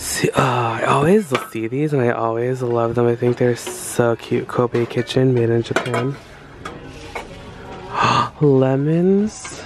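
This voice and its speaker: A man's voice: medium pitch, slow. A man vlogging casually while thrift shopping, gushing over finds and talking to himself, recorded on a handheld camera in a store aisle. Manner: gushing, excitable, talks to himself. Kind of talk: casual vlog narration.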